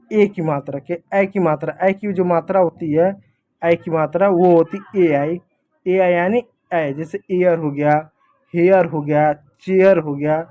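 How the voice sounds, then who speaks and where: High-voiced man teaching a lesson. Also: narrow, tinny audio. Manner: explains step by step, repeats "thik hai" often. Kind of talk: casual classroom lesson.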